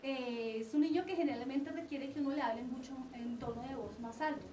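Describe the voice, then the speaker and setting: High, fast-talking woman giving a lecture. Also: warm tone, a little hiss or hum. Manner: explanatory, often checks in with the audience. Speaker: lecturer on child development. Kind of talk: lecture to parents and teachers. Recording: roomy lecture recording from a distance.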